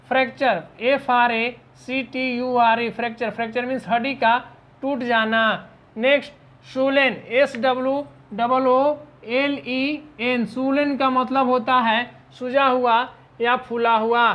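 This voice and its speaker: A fairly high-voiced woman leads a vocabulary lesson. She spells each word out letter by letter, then explains its meaning at a patient, measured pace. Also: a bit bright. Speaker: English teacher.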